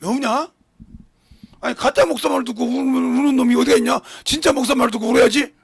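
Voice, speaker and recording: A man preaching a sermon as pastor, blunt and scolding, with big swings between loud and quiet. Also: very high voice, quick pace. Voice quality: gravelly, husky voice. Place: church sanctuary.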